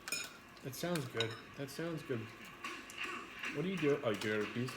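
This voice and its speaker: A man's voice: medium pitch, animated, fairly quick. A man hosting a livestream, chatting casually in a rambling, playful way with some swearing. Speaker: host of a livestream mukbang. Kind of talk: casual chat while eating pizza, reading viewer comments. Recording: echoey room with background noise.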